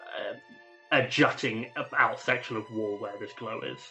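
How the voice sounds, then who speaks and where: A man working as game master, improvising narration for a tabletop game in halting fragments. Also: fairly low pitch, steady tone, sharp tone, soft background music. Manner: halting, feeling for words in short fragments.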